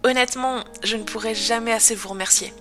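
A woman's voice: a little high, steady tone, fast, pushed and bright, soft background music. A woman voicing a kind young male pony who looks after his little brother. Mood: grateful.

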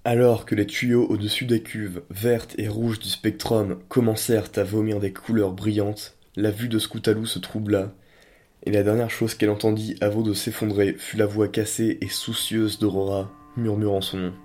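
A man narrating a dark story in a steady, dramatic reading voice. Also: lowish voice, moderate pace.

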